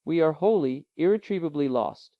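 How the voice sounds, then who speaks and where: A man's voice: a little high, expressive, normal speed, dry recording, close to an everyday voice. A man voicing a frightened, exasperated young man who speaks in fierce, angry tones. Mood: alarmed. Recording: dull, lo-fi, dry.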